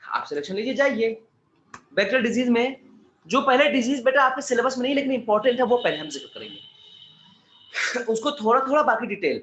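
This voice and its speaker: A man's voice: extremely high pitch, lively intonation, fairly quick, pauses often, fairly bright tone. A man teaching an exam-prep class in a casual, chatty way, calling students "beta" and tossing in jokes and asides. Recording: echoey room, slightly dull sound.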